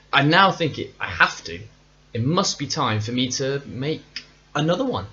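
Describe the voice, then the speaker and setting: A man's voice: medium pitch, a bit bright, lo-fi sound. A man hosting a casual solo cricket podcast, talking in a chatty, playful, self-mocking way. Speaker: podcast host.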